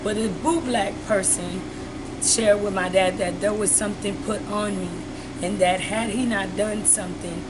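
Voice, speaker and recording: Haitian woman vlogger, earnest, middle-pitched, over heavy room noise and air conditioning hum. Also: steady tone, normal speed. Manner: earnest, addresses viewers as "you all" often; switches between English and Haitian Creole. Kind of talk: personal testimony to camera.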